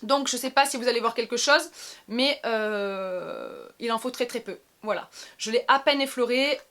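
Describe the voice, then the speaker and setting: A woman's voice: fairly high pitch, moderate pace, a bit bright. A young woman chatting casually through her skincare routine, with many hesitant fillers. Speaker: beauty vlogger.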